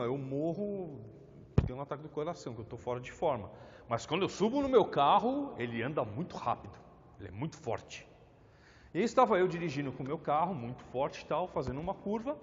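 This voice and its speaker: A man's voice: on the high side, slight background noise. A man with a Brazilian Portuguese accent giving a public spiritist lecture, engaging the audience with questions and acting out examples dramatically. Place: lecture hall of a spiritist center. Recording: long reverb in a hall, dull lo-fi sound.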